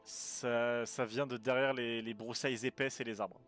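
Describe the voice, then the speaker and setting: A man's voice: medium pitch, fairly even intonation, normal speed, fairly bright tone. A man improvising narration as game master of a tabletop role-playing game. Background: background music.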